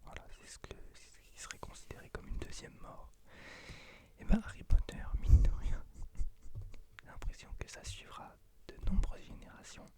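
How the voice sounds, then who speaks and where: Young man, late twenties, ASMR library whisper, whispered role-play, hesitant, intimate, close to the mic. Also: normal speed. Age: late 20s. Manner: soft unvoiced whispering; hesitant, self-deprecating, intimate address to the listener. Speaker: ASMR creator and host.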